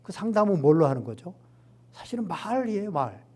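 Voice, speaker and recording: Male pastor, middle-aged, sermon delivery; slightly raised pitch, lively, swings between hushed asides and emphatic peaks. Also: a little fast. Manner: animated, acts out quoted lines with rising emphasis.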